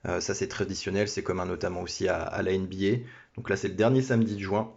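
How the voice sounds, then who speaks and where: Over dull, lo-fi phone audio, a man hosts a sports card break with casual card-opening commentary, chatting hesitantly and often restarting or offering small apologies. His voice sits low and sounds gravelly and darkish, moving fast with fairly even intonation.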